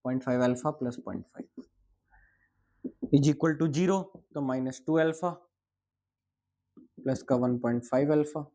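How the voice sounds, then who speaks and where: A man's voice: medium pitch, measured pace, long pauses, mellow. A young man teaching physics in a casual, chatty exam-prep lecture, asking and answering his own questions and sounding tired.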